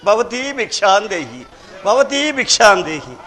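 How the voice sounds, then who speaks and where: A man playing a starving beggar who wails a slow pleading song for food, with a Kannada accent, over stage music. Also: high-pitched, big pitch swings, big-room sound, a faint crowd, full character voice. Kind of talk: village stage drama singing. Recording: live stage with loud music.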